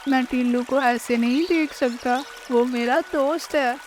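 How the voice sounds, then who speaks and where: An honest, earnest little boy bird from a cartoon story, voiced by a woman. His voice sits fairly high and sounds pleading. Faint music runs under his lines. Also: a little slow, darkish tone. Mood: earnest remorseful. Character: honest young boy bird, the thieves' son.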